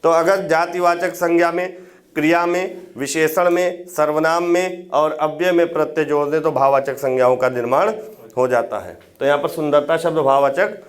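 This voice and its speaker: A man with a slightly high voice and fairly even intonation teaches Hindi grammar for exam prep. He explains step by step, repeats key words for students to note down, and checks in with quick questions.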